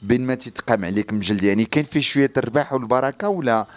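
A man's voice: mid-range voice, rapid-fire. A man with a Moroccan accent interviewing someone conversationally, rephrasing his questions as he goes. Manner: rephrases questions, frequent backchannel murmurs.

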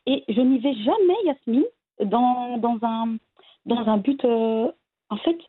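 A woman from Belgium, a guest talking casually and hesitantly about her family, with many pauses and restarts. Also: on the high side, breathy edge, no echo. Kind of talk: casual interview conversation. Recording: tinny phone-like line.

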